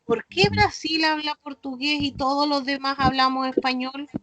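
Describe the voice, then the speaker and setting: High-voiced Chilean teacher on a noisy call. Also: female voice, steady tone, normal speed. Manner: explaining patiently, checking in with "¿ya?". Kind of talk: online class. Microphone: video call.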